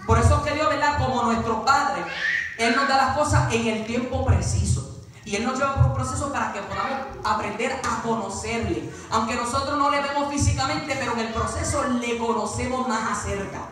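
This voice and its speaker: A man's voice: very high-pitched, normal speed, a bit bright. A man preaching a sermon at a youth vigil in a church, fervent, breaking off with repeated praise refrains between points. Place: church sanctuary. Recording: very echoey church from far off, congregation audible.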